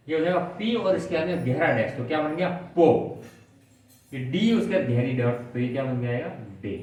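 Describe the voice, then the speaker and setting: A man's voice: fairly high pitch, a little hiss or hum. Man teaching, echoey distant sound. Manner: asks and answers his own questions, repeats words for drilling. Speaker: shorthand teacher. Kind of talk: classroom-style tutorial explanation. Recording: echoey room, mic at a distance.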